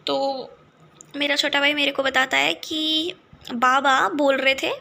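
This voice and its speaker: A young woman from India vents to camera in a casual vlog. Her voice sits high and sounds bright and sharp. She drifts between languages, frustrated but talkative. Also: steady tone, takes it slowly, gravelly. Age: young adult. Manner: frustrated, mixing Hindi and English. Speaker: vlogger. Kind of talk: casual venting monologue.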